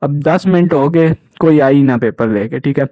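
A man's voice: on the high side, moderate pace, dry recording. Indignant young man, dull lo-fi. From Pakistan. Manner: indignant, keeps asking "right?" as he recounts. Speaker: jobs channel host. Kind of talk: casual first-person account to camera. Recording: dull lo-fi recording.

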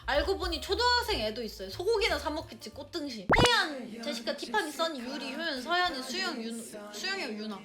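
A young woman streamer chatting casually, reacting with quick exclamations and teasing remarks. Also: high voice, sing-song, heavy background noise. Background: background music.

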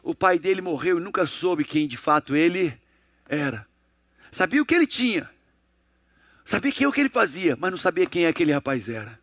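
Brazilian guy motivational coach, high bright voice, dry close sound, keeps asking the crowd questions. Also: very animated, a little fast, dry recording. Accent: Brazilian Portuguese. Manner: emphatic, rhetorical questions to audience; acts out dialogues in a lowered, hushed voice. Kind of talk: motivational lecture.

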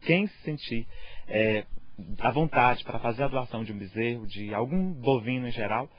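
A man's voice: mid-range voice, expressive, normal speed. Brazilian man in his thirties, muffled field audio. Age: 30s. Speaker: parish priest. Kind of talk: interview statement. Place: outdoors on a farm. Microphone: handheld reporter microphone.

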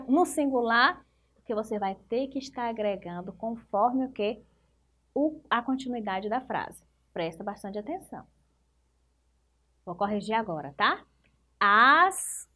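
A woman teacher with a Brazilian Portuguese accent, going through a primary school worksheet and drawing out words slowly and encouragingly for young children. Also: a little high. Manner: slow, deliberate, encouraging, stretches out words for children. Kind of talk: primary school lesson correcting exercises.

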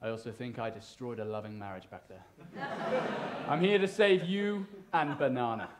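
A man's voice: medium pitch, normal speed, natural voice. A man playing a suave, cocky gingerbread action hero in a spoof stage pantomime. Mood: heroic swagger. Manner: suave, swaggering one-liners. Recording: theatre recording with audience noise.

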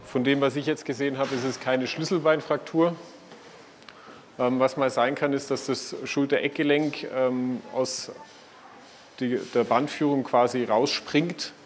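Male surgeon, 30s, calm and matter-of-fact, hospital ward, faint ambience. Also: medium pitch, unhurried, slight background noise. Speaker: trauma surgeon. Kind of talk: explaining findings to patients and camera.

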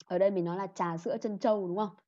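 A woman's voice: mid-range voice, steady tone, very fast, warm tone. Patient woman teaching pronunciation, muffled. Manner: patient, repeats and corrects students. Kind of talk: online class drilling pronunciation.

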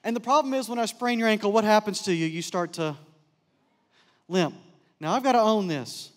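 A middle-aged man telling stories in a chapel talk, animated and joking with the audience. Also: high-pitched, normal speed. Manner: animated storyteller, jokes and laughs with the crowd. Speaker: speaker, counselor. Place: large chapel. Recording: long hall reverb.

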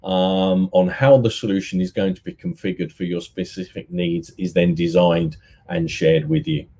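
Mellow-voiced man giving a sales talk. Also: moderate pace. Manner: steady, rehearsed sales pitch. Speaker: business development manager. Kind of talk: conference presentation. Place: indoor room, webcam inset.

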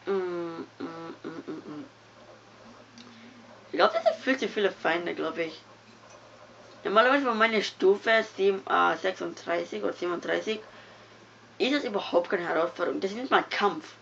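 A young woman giving casual, excitable commentary while playing a game, mumbling one moment and yelping the next. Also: on the low side, moderate pace, gravelly, pauses often. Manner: excitable, giggly, swings from mumbling to loud yelps. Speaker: gamer. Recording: dull lo-fi home recording with faint noise.

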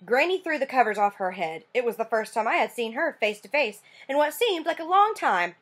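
A woman reading a children's novel aloud to her students, narrating in an expressive, animated way. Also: a little high, brisk. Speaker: teacher reading a book aloud. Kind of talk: read-aloud storytelling.

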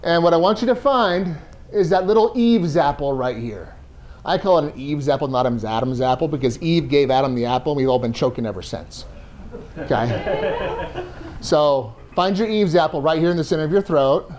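A man's voice: on the high side, moderate pace, darkish tone. A man teaching a first aid class to a room, conversational and joking as he explains. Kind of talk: classroom lecture.

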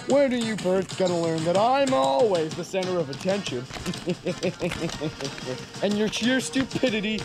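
A man's voice: high-pitched, animated, unhurried, gravelly, pauses often, over music, exaggerated voice. A man voicing a smug, gloating impostor pig king who taunts and chuckles in a puppet cartoon.

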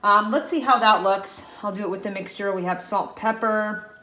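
A woman's voice: medium pitch, moderate pace, recorded from a distance. Woman cooking in an echoey kitchen. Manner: chatty, instructive, talks while working. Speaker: guest chef. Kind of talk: home cooking demonstration. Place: home kitchen, indoors. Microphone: camera across the kitchen. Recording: echoey kitchen, voice from off-mic, faint noise.

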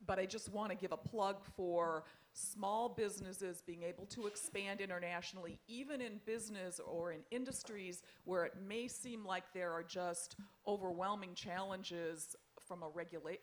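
Woman, panelist, low voice, measured business talk. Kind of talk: panel discussion.

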